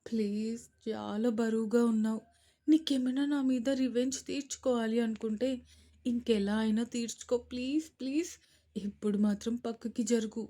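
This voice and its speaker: A woman's voice: big pitch swings, mellow, slightly rough, heavily acted. A woman doing a feisty indignant young wife. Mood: pleading. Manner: shrill, quick, scolding.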